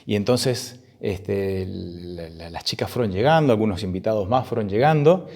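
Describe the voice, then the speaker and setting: Un pastor con acento argentino que cuenta una historia en un sermón, en tono conversacional y con muletillas. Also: male voice, lowish voice, moderate pace, darkish tone. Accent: Argentine Spanish. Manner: conversational, many fillers, acts out the quotes. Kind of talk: sermon storytelling.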